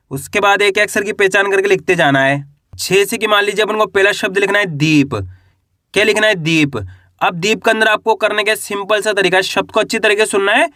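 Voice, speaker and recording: A man teaching reading and writing, slowly sounding out syllables and asking his listeners questions. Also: high-pitched, sharp tone, no room sound, clean studio sound. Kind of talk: Hindi reading and writing lesson.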